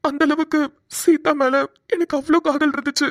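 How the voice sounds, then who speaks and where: A woman voicing a timid, lovesick young man in a cartoon, talking softly and hesitantly. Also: sits high, fairly even intonation, normal speed, no room sound, clean studio sound, lightly acted. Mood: wistful. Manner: soft, hesitant, pleading. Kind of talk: cartoon voice acting.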